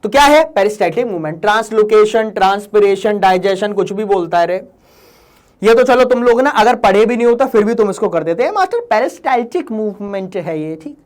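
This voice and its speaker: Man, fairly high voice, playful teacher running an exam-prep lesson, jokes and teases his students. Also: fairly quick. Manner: joking, playful, teasing students. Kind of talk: exam-prep lesson in Hindi-English mix.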